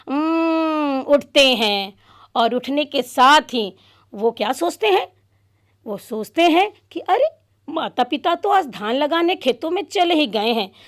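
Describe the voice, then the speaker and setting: A woman narrating a children's story expressively, pausing to explain words. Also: sits high. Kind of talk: storytelling demonstration for teachers.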